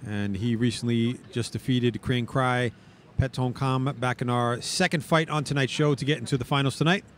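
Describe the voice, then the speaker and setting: A man's voice: mid-range voice, steady tone, moderate pace. A man giving live, analytical sports commentary as a fight commentator.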